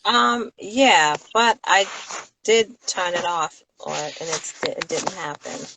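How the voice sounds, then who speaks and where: A woman's voice: on the low side, expressive, slow pace, creaky, sharp tone, low-quality recording. Female co-host, playful and sassy, faint background hiss. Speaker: podcast co-host. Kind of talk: casual podcast banter.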